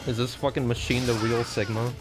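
A man does casual live reaction commentary as a streamer. His mid-range voice is amused and laid-back, with loud soundtrack music underneath. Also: medium pitch, flat delivery, a little fast. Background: soundtrack of cartoon being watched.

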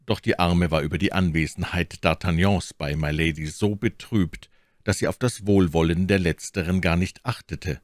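A man with a deep, low voice reads a classic novel aloud in calm, measured audiobook narration. The sound is close and dry, with no room around it. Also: dry recording. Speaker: audiobook reader.

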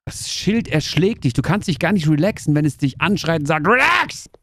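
A woman streaming a simulator game, chatting excitedly and joking with her viewers. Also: low-pitched, fairly quick, slight background noise. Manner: excitable, jokey, talks to viewers. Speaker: gaming streamer. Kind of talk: casual gameplay commentary.

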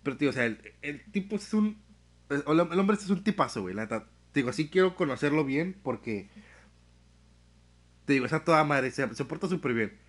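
A young man with a Mexican accent, chatting casually on a live stream, full of slang and swearing, telling stories with animated energy. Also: fairly high pitch, fairly quick. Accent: Mexican Spanish.

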